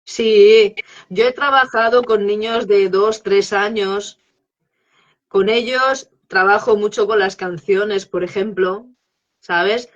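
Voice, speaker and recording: A woman's voice: mid-range voice, steady tone, slow pace, highs cut off. Woman explaining with frequent check-ins. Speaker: guest, English teaching expert. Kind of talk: live interview explanation.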